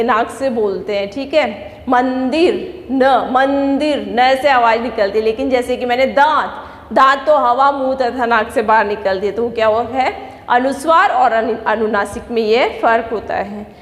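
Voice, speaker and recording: A woman's voice: a little high, moderate pace. A woman teacher giving a grammar lesson to children, explaining step by step and answering her own questions. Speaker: school teacher. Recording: echoey room with long reverb.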